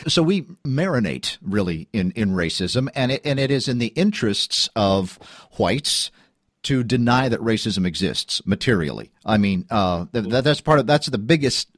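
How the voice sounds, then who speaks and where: A man's voice: medium pitch, very animated, normal speed, dry recording, clean studio sound. A man hosting a radio interview, asking thoughtful, probing questions with some stammered restarts. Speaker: radio host.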